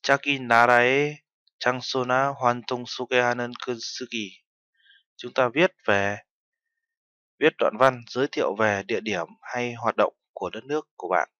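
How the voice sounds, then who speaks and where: A man's voice: mid-range voice, measured pace, sharp tone, dry recording, muffled recording. A man teaching a language lesson, explaining terms step by step and mixing in foreign words. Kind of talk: lesson narration.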